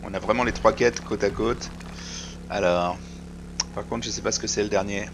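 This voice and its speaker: Low-voiced man narrating gameplay. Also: steady tone, moderate pace, background noise. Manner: chatty, mutters to himself, addresses viewers. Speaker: let's play host. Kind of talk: casual gameplay commentary.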